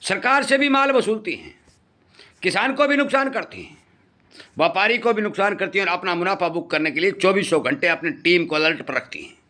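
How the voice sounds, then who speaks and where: A man's voice: high-pitched, expressive, brisk, sharp tone. A middle-aged man, hosting a farming channel and warning farmers in earnest, repeating his points for emphasis. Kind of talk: impassioned commentary to farmers.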